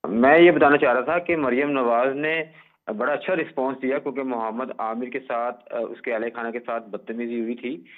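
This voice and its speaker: Male reporter calling in on a tinny phone line that keeps breaking up; measured, formal delivery with frequent "uh" pauses. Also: medium pitch, fairly even intonation. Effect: phone line breaking up and cutting out. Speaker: sports reporter phoning in.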